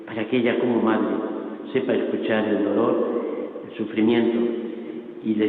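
Distant priest in a cathedral echo. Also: male voice, lowish voice. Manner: measured, solemn intoning. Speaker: priest leading Mass. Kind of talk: liturgical prayer and blessing. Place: large basilica. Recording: distant, echoey church on a tinny line.

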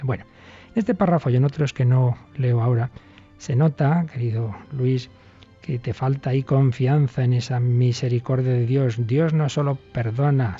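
Dark, husky Spanish man on radio. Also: medium pitch, muffled recording. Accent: Spain Spanish. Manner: earnest, encouraging, conversational. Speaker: radio catechism presenter. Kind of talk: reading a listener's letter with spoken reflection.

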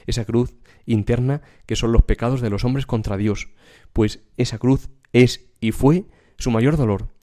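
Male preacher, mellow warm tone, earnest emphatic sermon delivery. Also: lowish voice. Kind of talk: sermon with spiritual reading.

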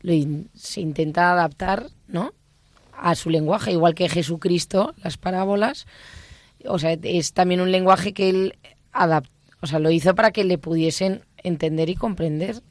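A woman's voice: lowish voice, normal speed, no room sound. Chatty middle-aged woman on church radio. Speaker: guest, mother. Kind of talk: religious radio discussion.

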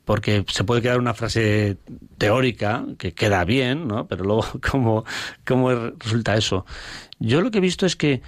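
A man, a parish priest recounting pastoral stories in a reflective, animated way, often checking in with tag questions. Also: on the low side, normal speed, no echo, studio quality.

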